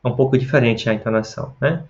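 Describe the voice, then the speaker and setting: Talking fast at medium pitch, this man from Pará, with his northern Brazilian accent, hosts a casual language lesson to camera. He wanders a bit and repeats words to stress them; the sound is slightly dull and lo-fi.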